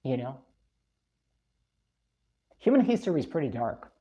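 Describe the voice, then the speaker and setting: A woman's voice: rumbling low, very animated, measured pace, mellow. A woman from Russia, live streaming, reading viewer comments and giving blunt, opinionated views.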